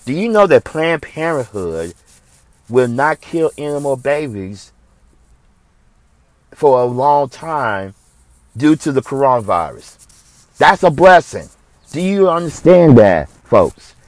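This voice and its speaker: A man's voice: medium pitch, very animated, slow, pauses often, dry recording. An impassioned man from the United States hosts a religious commentary show. He preaches emphatically, restarting and repeating phrases to hammer each point home. His mid-range voice sounds dry and close, with no room around it.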